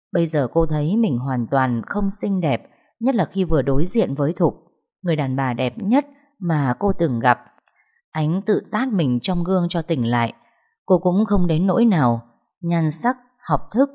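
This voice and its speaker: A woman narrating a story in a steady, even way. Her voice sits very low and sounds mellow and soft. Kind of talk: scripted narration.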